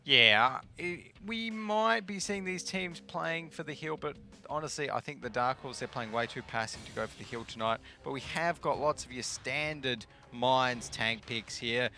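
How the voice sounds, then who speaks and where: A man's voice: medium pitch, moderate pace, few pauses, bright, forceful tone. A man casting a live tank esports match, chatty and analytical, with the odd joke. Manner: chatty, analytical, tossing in jokes. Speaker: esports commentator. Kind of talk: live esports play-by-play commentary.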